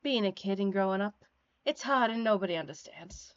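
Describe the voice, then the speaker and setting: An Australian woman voicing a grumpy teenage boy troll in a flat, read-aloud way. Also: mid-range voice, fairly quick, dull audio, pitched below the performer's own voice, close to an everyday voice. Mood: irritated.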